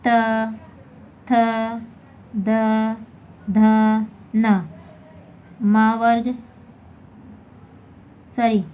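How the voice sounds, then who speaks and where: A woman teaching a basic grammar lesson, often asking "theek hai" and correcting her own slips. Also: high voice. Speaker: Hindi teacher.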